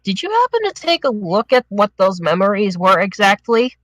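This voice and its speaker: Panelist, male, bright forward tone, dry close sound, rambling delivery. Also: high-pitched, big pitch swings, normal speed, no room sound, rough recording. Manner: rambling, restarts with "the thing is". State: a little out of breath. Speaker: podcast panelist. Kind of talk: casual group discussion.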